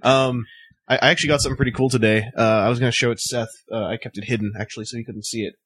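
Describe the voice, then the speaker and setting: A man co-hosting a casual podcast chat, excitable and rambling, laughing often. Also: medium pitch, racing, slightly rough. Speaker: podcast co-host.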